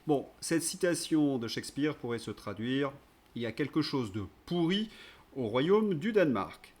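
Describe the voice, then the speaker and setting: A man's voice: mid-range voice, animated, moderate pace, a little mellow. A man hosting his own political commentary channel, delivering an indignant, sarcastic monologue.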